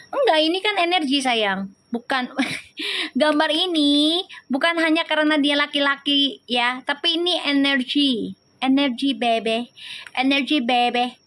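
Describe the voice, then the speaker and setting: A woman's voice: high-pitched, measured pace, a bit bright. A woman hosting a live tarot reading, chatting and teasing her viewers as she reads their comments. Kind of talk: casual live-stream tarot reading and chat.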